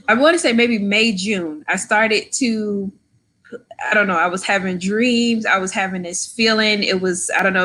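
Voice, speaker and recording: This podcast guest, a woman in her thirties from Florida, shares her story casually and chattily, frequently ending lines with "right?" or "like". She speaks in a mid-range voice that is bright and forceful.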